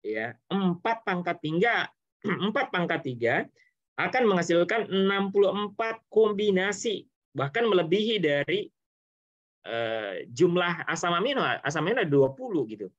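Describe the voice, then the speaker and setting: A man's voice: high-pitched, very animated, normal speed. A man teaching a biology lesson in a casual, step-by-step way, asking rhetorical questions and answering them himself. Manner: casual, with frequent tag words and self-corrections. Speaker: biology tutor. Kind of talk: online lesson explanation. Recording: slightly dull lo-fi audio.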